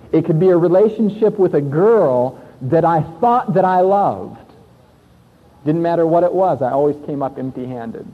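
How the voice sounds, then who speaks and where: A man telling his life story as an earnest sermon testimony, reflective, with emphatic pauses. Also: fairly high pitch, slightly rough. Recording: tinny, lo-fi recording in a long-echoing hall.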